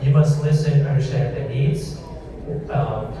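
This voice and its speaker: A mayor speaks haltingly on a panel, restarting and repeating his words. His mid-pitched voice is distant, with a long echo, and a crowd murmurs behind him. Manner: halting, repeats words, non-native phrasing. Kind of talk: panel discussion remarks. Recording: long reverb, distant mic, crowd noise.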